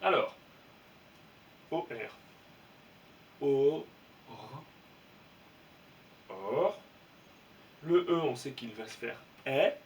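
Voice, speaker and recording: A man teaching a young class to read, slowly and patiently spelling out letters and sounds. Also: medium pitch, lively intonation. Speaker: primary school teacher. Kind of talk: reading lesson for young children. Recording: voice from some distance, faint room noise.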